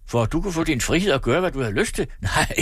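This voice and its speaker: A man voicing a blustering, greedy man who swings between rage and self-pity, ranting and accusing in a husky voice. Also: lively intonation, no echo, clean studio sound. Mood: furious, bitter. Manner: ranting, accusing, shrill when furious.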